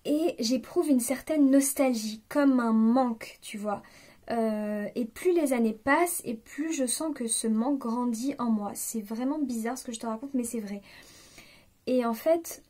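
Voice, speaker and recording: In a spontaneous personal reflection, a French woman vlogger in her late twenties confides hesitantly to the camera with many fillers and restarts. She speaks a little slowly, in a mellow, slightly high voice.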